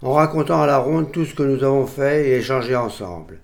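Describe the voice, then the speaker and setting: An older man reading a funeral eulogy in a solemn, measured way. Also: mid-range voice, lively intonation, creaky. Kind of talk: funeral eulogy read aloud.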